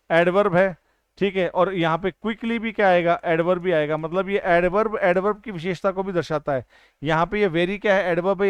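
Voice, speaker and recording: A man teaching an exam-prep grammar lesson. He asks questions and answers them himself, and draws out his English example sentences slowly. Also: high voice, smooth, no room sound.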